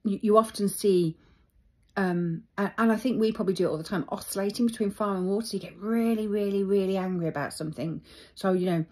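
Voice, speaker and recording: A middle-aged woman talking reflectively about her feelings, thoughtful and halting as she searches for words. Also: medium pitch, dark tone. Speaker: vlogger. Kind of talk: reflective personal talk.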